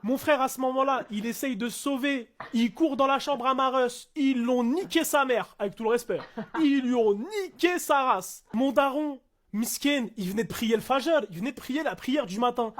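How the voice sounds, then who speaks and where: A man's voice: very high-pitched, moderate pace. A man telling a comic anecdote in casual slangy speech, animatedly acting out the people in it. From France. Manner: animated, acts out shouting cops and slangy street French. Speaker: storyteller.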